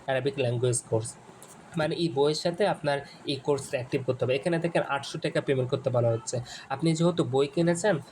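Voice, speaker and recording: Halting male tutorial instructor, faint hiss. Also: mid-range voice, darkish tone, poor audio. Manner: repetitive, halting, many restarts and fillers. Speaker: Arabic course instructor. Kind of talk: screen-share tutorial walkthrough.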